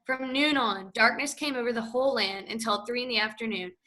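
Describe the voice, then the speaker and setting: A woman narrating a scripture passage in church, reading in a steady, clear way. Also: fairly high pitch, a little fast. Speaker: scripture reader.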